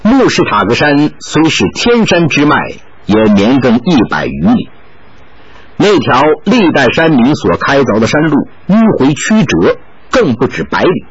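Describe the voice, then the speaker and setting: A man narrating a martial-arts novel in expressive storyteller style. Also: medium pitch, a little slow, breathy edge, muffled recording. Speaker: audiobook narrator.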